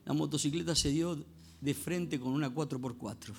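A male pastor, preaching a sermon in a church with animated storytelling and questions to the congregation. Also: on the high side, moderate pace, creaky, faint music behind. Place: church sanctuary.

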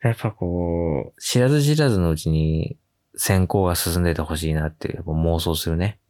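A man hosting a casual solo radio show, telling a funny story with lively acted-out quotes and frequent laughs. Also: sits low, brisk. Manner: animated storytelling, acting out quoted voices with laughs. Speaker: podcast host.

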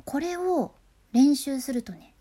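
High-voiced woman, chatty upbeat voice tips, laughs a lot. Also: slow, warm tone. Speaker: freelance announcer giving voice tips. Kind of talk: casual voice-training talk.

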